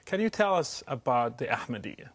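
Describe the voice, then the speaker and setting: A man's voice: medium pitch, big pitch swings, normal speed, fairly bright tone. A man hosting an interview, asking his guest questions in a formal on-air manner. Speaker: host.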